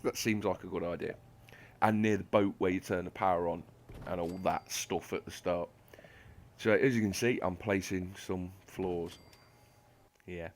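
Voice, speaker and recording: A man talks over game footage in a dry, self-deprecating ramble, his voice sitting on the low side. A slight lisp from a sore tooth shows in his speech. He sounds like a home gaming channel host. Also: fairly even intonation, unhurried, a little hiss or hum. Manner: sarcastic, self-mocking, rambling. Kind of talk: gameplay commentary.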